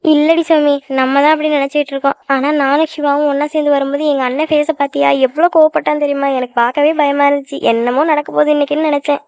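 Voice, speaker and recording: Fast high-voiced woman in a cartoon. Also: little pitch movement, a little mellow, dry recording, lo-fi sound. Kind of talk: cartoon voice acting, young women.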